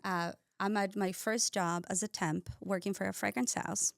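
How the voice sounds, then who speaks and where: A cosmetic scientist who grew up in Ecuador talks about her life as a guest in a casual interview, warm in her storytelling, with many "uh"s and small grammatical slips. Her voice is medium-pitched, fairly even, creaky and at normal speed. It's studio quality with no room sound.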